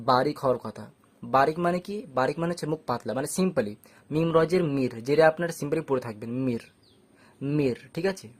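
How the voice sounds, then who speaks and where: A man with a somewhat high voice gives a recitation lesson in a step-by-step way. He repeats each rule patiently and draws out letter sounds slowly so that learners can follow and say them after him. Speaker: Quran recitation teacher.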